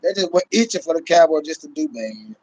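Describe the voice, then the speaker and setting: The audio is poor but echo-free: a middle-aged man on the high side, talking a little fast with vocal fry and a darkish tone. He's a Cowboys fan hosting a sports livestream, chatting casually with slang, curses and recurring catchphrases. He records in a small room on a phone held close.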